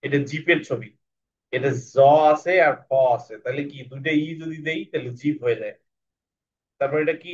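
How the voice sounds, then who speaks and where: A man teaching an English lesson, explaining step by step and often checking that the listener follows. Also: on the high side. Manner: explanatory, repeats "ঠিক আছে?" to check in. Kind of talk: spoken classroom lesson. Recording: dull lo-fi audio.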